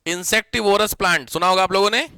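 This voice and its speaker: A man teaches a live online class in a chatty, teasing way, dropping English terms into his explanations. His slightly high voice sounds bright and forceful at a moderate pace, and the recording is close and dry.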